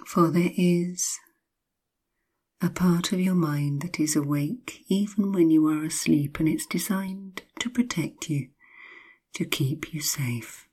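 A woman narrating a guided sleep hypnosis like a sleep story, hushed and soothing, often slipping into whispers, with drawn-out, repeated phrases. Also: deep voice, breathy edge. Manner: drawn-out, repetitive phrasing with long pauses.

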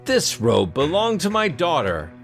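A man's voice: on the high side, huge pitch swings, measured pace, soft background music, voice pushed up, heavily acted. A man voicing an indignant, demanding princely father in a storybook reading. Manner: demanding, formal.

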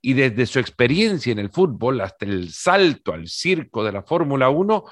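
A man's voice: medium pitch, no echo. A man hosting a podcast interview who opens with a scripted introduction and then chats casually, often restarting his phrases. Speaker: podcast host.

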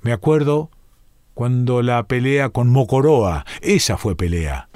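A man's voice: medium pitch, expressive, unhurried, a little mellow, dry recording, clean studio sound. A man with a Rioplatense Argentine accent reading a short story aloud, speaking as an ailing bedridden former boxer in a rambling, confiding, colloquial way. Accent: Rioplatense Argentine Spanish. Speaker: reader.

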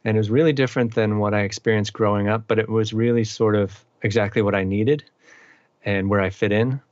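A man's voice: fairly low pitch, brisk, no echo, lo-fi sound. A middle-aged man from eastern Massachusetts, a musician guest chatting casually with lots of fillers. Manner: relaxed, rambling, many fillers. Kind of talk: casual interview chat.

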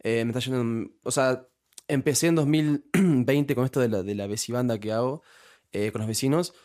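This is a young man from Uruguay speaking with a Uruguayan Spanish accent as a YouTuber guest in a relaxed podcast interview. He talks at a moderate pace in a medium-pitched, slightly mellow voice, with frequent restarts and fillers.

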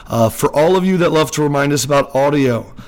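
A man's voice: fairly high pitch, brisk. A man hosting a sports podcast, recorded under a blanket, talking in a chatty, joking way and a little nervous about his sound. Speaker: podcast host. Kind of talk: casual sports podcast chat. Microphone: home microphone under a blanket.

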